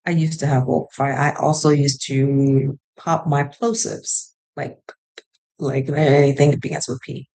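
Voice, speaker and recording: A woman's voice: low-pitched, darkish tone, poor audio. A young woman talking to camera in a casual, rambling way, giving advice like she is chatting with a friend. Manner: chatty, rambling, shifts into playful voices. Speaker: vlogger.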